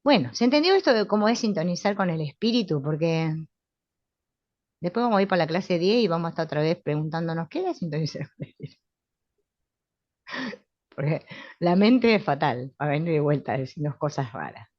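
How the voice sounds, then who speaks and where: A middle-aged woman with a Rioplatense Spanish accent, calmly and confidently teaching a spiritual therapy class, often asking "right?". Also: sits low, fairly quick, no room sound. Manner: calm, assured, with frequent tag questions. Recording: dull, lo-fi sound.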